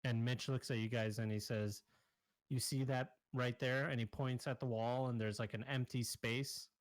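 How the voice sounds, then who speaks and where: A man's voice: medium pitch, fairly even intonation, moderate pace, dry recording. Man running a tabletop game, dry sound. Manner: loose, conversational, many restarts. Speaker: game master.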